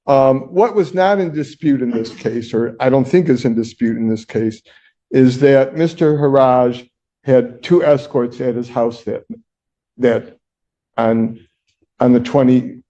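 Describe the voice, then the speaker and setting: A male defense attorney argues his motion in a formal, measured way, speaking directly to the judge. His voice has a mellow, darker color. The sound comes from a dull, lo-fi courtroom recording. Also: medium pitch. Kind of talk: courtroom argument.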